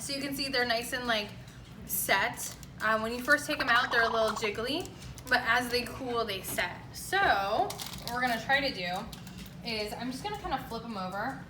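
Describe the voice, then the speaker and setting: Speaking at a moderate pace with lively intonation, this woman has a voice on the high side. She's cheerfully hosting a casual home baking demo in her kitchen, and the clear recording sounds roomy and echoey from a distant mic.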